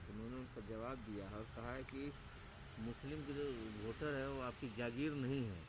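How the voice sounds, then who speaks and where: A man's voice: mid-range voice, fairly even intonation, moderate pace, background noise. A man interviewing, reading out short news prompts for comment in a matter-of-fact way.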